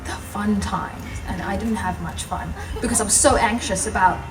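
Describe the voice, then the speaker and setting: In a mid-range voice at normal speed, a young woman from South Africa shares her story as a guest speaker before a live audience. Her delivery is passionate and chatty, with frequent laughter, and the recording sounds roomy and distant, music behind her.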